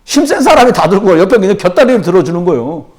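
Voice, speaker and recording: A man preaching at a church prayer meeting, telling stories and acting out quoted voices, dropping to low murmurs and then rising to loud exclamations. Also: sing-song, quick pace. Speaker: pastor. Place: church sanctuary.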